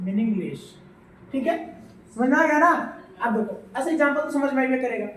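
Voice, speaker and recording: A woman's voice: sits high, lively intonation, fairly quick, a crowd in the background. A woman teaching a classroom grammar lesson, mixing Hindi and English, asking her class questions and repeating the answers. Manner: mixes Hindi and English phrases; scolds noisy students. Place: classroom with students. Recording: echoey room, voice from far off.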